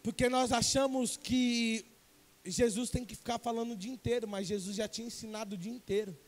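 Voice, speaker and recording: A man from Brazil preaching a sermon as an evangelist, swinging from loud to hushed and questioning the congregation. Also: extremely high pitch, fairly even intonation, a little fast. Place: church sanctuary. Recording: long church reverb.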